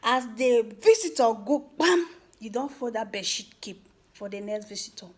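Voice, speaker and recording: A woman's voice: a little high, expressive, moderate pace. A woman with a Nigerian accent speaks Nigerian Pidgin in an informal, emphatic rant to viewers, teasing and repeating words for effect. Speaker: vlogger giving social commentary.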